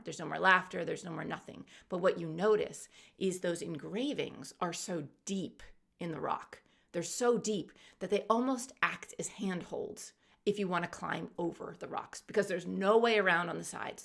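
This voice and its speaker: A woman's voice: on the low side, normal speed, creaky, a bit bright. A woman YouTube coach in her thirties, casually talking viewers through an imagined journey with plenty of fillers. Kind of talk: guided imagery storytelling.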